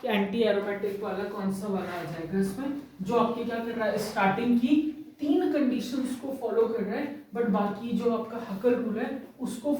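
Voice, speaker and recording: A woman's voice: medium pitch, dark tone, heavy reverb, distant mic, a little hiss or hum, poor audio. A woman chemistry teacher giving a classroom lecture, explaining step by step and often checking that students follow. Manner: explains step by step, checks understanding with frequent "theek hai". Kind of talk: classroom lecture mixing Hindi and English.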